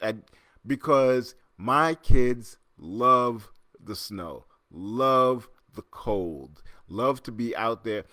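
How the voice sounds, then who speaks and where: A middle-aged Trinidadian man hosts a casual livestream chat from his home in New York City, rambling, restarting often, using plenty of fillers, and reading viewer comments aloud as they arrive. His voice is mid-range, bright, and forceful. The recording is dry, with clean studio sound.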